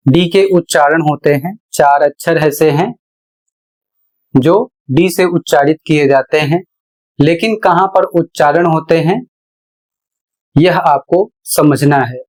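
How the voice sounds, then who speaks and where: A man's voice: on the high side, darkish tone. A man teaching English pronunciation, explaining rules step by step and spelling each example word out letter by letter. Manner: deliberate, spells words letter by letter. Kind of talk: classroom-style explanation.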